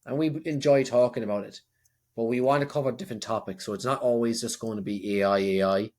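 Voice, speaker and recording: A man's voice: mid-range voice, fairly even intonation, fast, darkish tone. Rambling Irish man co-hosting a podcast. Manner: rambling, restarts sentences often. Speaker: podcast co-host. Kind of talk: casual podcast chat.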